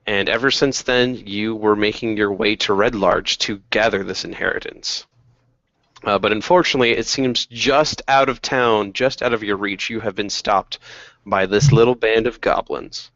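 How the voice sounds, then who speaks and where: A young man narrates a tabletop game as game master, casual and unhurried with plenty of fillers. The sound is muffled and close, with no room echo. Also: fairly low pitch, a bit bright. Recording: dull dry lo-fi recording.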